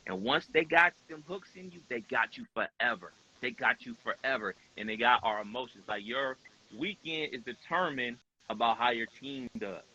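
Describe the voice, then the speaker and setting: A man talks in a loose podcast chat with a bright, forceful voice. He tells profane stories with energy and acts out what people said. The sound is dull and lo-fi. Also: mid-range voice. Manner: animated, profane storytelling with acted-out quotes. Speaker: podcast speaker. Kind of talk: casual chat.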